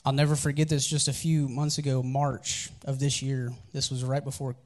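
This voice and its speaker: A man's voice: medium pitch, flat delivery, normal speed. A man preaching a sermon as pastor, telling candid personal stories in a conversational, earnest way.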